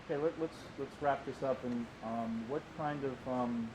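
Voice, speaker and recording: A man's voice: mid-range voice, moderate pace, noisy background. A man interviewing, asking rambling questions with restarts, heard on a worn tape copy.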